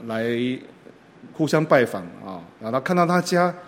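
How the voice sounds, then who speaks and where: Man preaching a gentle storytelling sermon. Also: mid-range voice, very animated, moderate pace, slight background noise. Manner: frequent filler particles like "ah" and "ha".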